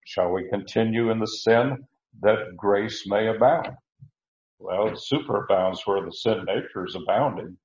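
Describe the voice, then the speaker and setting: Guy going thru bible verses slow w lots of uh's, kinda low voice, echoey lo-fi sound. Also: a little mellow. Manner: unhurried, with frequent uh fillers and restarts. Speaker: Bible teacher. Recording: roomy, dull lo-fi recording.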